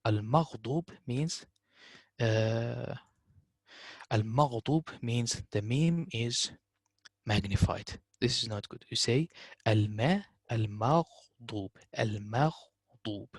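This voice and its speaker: A man's voice: mid-range voice, no room sound. Man teaching Quran recitation, dry close sound. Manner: explains slowly, repeating words in Arabic recitation. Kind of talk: online tajweed lesson.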